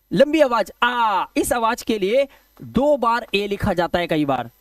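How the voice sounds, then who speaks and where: A man explains a lesson in a high, animated voice and keeps asking his viewers questions before he answers them himself. The sound is dry and close, with no room around it. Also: no room sound. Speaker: English teacher. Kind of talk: classroom-style video lesson.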